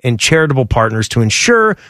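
A man's voice: medium pitch, very animated, fairly quick, fairly bright tone, no room sound. A man hosting a casual sports radio show in a studio, rambling and correcting himself as he thinks aloud. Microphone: studio broadcast mic.

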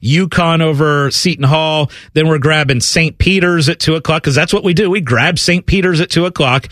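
An excitable man hosts a sports betting chat, his voice sitting a little high for a man. He tells his stories lively, acting out his own reactions along the way. The sound is dry and close, with no room around it. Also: moderate pace, no room sound. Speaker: sports betting show host.

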